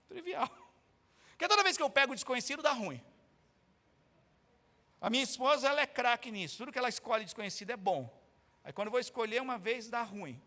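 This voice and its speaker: High-voiced, bright Brazilian pastor preaching. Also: male voice, in a large hall. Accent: Brazilian Portuguese. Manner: animated, jokey, acts out everyday scenes. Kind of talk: sermon. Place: church.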